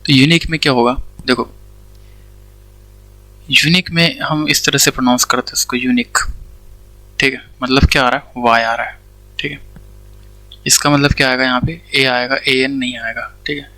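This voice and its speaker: Male grammar teacher with an Indian accent, bright and dry, walks through rules step by step. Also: medium pitch, steady tone, moderate pace, pauses often, no echo, poor audio. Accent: Indian English. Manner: explains step by step, asks questions and answers them himself, says "theek hai" often. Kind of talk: Hindi-English classroom lecture.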